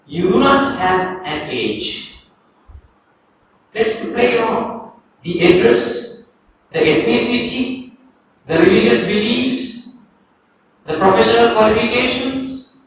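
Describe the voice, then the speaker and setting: A Sri Lankan man, a Buddhist monk, giving a calm dharma talk to a group and leading a guided reflection. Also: sits high. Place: teaching hall in Sri Lanka. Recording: echoey room, distant mic, faint noise.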